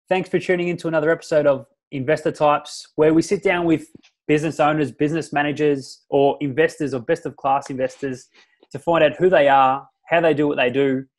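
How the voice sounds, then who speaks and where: A man hosting an investing podcast, chatting in a casual, upbeat, matey way. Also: on the high side. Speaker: podcast host. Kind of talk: casual interview chat.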